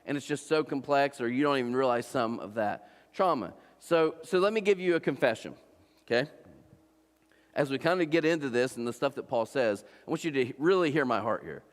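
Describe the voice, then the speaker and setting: In a large church auditorium with long reverb, a pastor in his forties from Ohio preaches in a mid-range, animated, fairly quick voice. His sermon is loose and conversational, full of repeats and restarts and frequent "right?" asides to the congregation.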